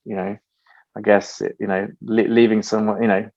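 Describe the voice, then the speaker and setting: A male guest founder talks in an animated, tangential way, often laughing mid-thought. His voice is fairly low and comes through dull lo-fi remote audio. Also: moderate pace, gravelly. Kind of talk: casual interview conversation.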